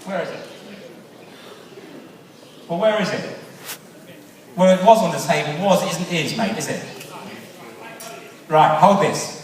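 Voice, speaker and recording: A high-voiced English man hosts a science show on a big stage. He jokes and teases his assistant. The sound is a long hall echo, caught from far off. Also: animated, slow, pauses often, a little mellow. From England. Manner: jokey, teasing his assistant. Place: large echoey hall on stage.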